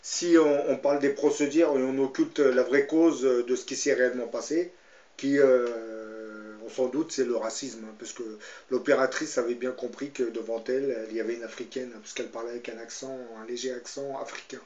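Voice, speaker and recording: A man speaks in a mid-pitched voice, part commentary and part Bible storytelling. He hesitates often and fills his sentences with fillers and tag questions. The recording is echoey and a bit muffled. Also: fairly even intonation, moderate pace, a little mellow. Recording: roomy, slightly dull sound.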